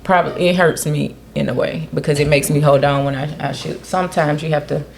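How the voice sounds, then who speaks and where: A woman co-hosting a casual podcast chat, animated and questioning, speaking. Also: deep voice, brisk, creaky. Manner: animated, questioning, often quotes others in a raised voice. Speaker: podcast co-host.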